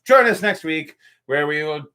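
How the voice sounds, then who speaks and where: A man hosting a casual history podcast, his fairly high voice bright and forward. He rambles through the story with jokes and restarts. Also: animated, normal speed, clean tone. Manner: rambling and jokey, with filler and restarts. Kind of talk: casual joking history chat.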